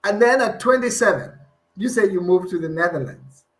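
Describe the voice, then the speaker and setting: Man, live-stream host, enthusiastic, talks to viewers, somewhat high voice, video call audio. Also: expressive, normal speed. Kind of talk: live online broadcast. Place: Leiden.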